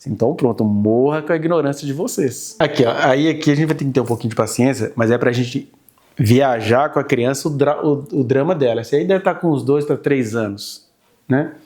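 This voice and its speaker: Man, church teacher, conversational sermon, explanatory, mid-pitched, checks in with listeners. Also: brisk, a little mellow. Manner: explanatory, frequent tag questions to the audience. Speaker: preacher teaching a church class. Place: church gathering.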